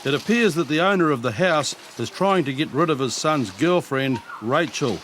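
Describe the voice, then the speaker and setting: A man's voice: fairly high pitch, expressive, normal speed, fairly bright tone, slight background noise. Male Kiwi documentary narrator. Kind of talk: scripted reality documentary narration.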